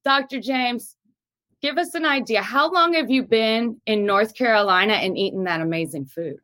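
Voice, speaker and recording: A woman's voice: on the high side, moderate pace, sharp tone, no echo. A woman hosting an interview, welcoming guests and asking them questions in an upbeat way. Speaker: recruiter, interview host.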